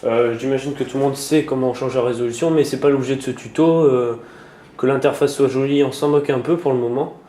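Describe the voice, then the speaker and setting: A man's voice: medium pitch, steady tone, a little fast, mellow. A man talking through a computer tutorial as he works on screen, hesitant and full of fillers and restarts. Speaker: tutorial maker. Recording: echoey room with faint noise.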